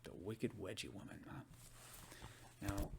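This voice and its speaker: A low-voiced man speaks softly in an ASMR ASMR role-play as a librarian. He rambles informally through his book commentary, conversational and unhurried in wording. There is clear noise and clicking behind his voice. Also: lively intonation. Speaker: ASMR performer playing a librarian.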